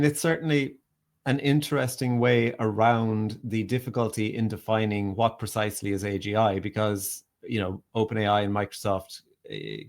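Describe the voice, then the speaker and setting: A man's voice: on the low side, darkish tone. A man co-hosting a podcast who argues skeptically and thoughtfully and often laughs mid-sentence. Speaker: podcast co-host. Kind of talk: casual podcast debate.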